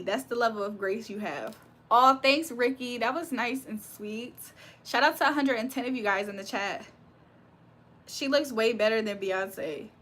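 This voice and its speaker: Reading viewer comments aloud in a casual live chat, a young Virginia woman hosting a livestream reacts with frequent laughs. Her pitch is fairly high and her tone a bit bright.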